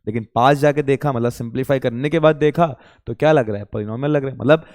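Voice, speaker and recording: Male coaching teacher, casual question-and-answer lecture style, clear resonant voice, reverberant classroom. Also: medium pitch, fast talker, darkish tone. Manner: asks rhetorical questions and answers them himself; informal, addresses students directly. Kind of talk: exam-prep lecture. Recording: reverberant room.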